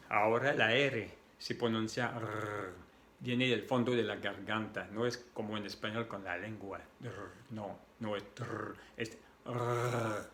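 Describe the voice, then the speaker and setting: A man's voice: mid-range voice, a bit bright, slight background noise. A man whose first language is French, patiently explaining pronunciation to beginners and repeating each sound aloud. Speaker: French tutor.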